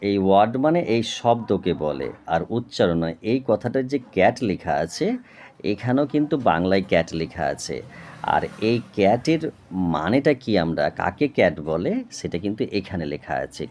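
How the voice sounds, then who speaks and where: A man teaching a lesson at a board, explaining slowly and patiently, spelling out words and often checking with "okay?". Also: low-pitched, darkish tone. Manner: slow, patient, repeats "okay?" to check understanding; spells words out and breaks them into parts. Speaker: tutor.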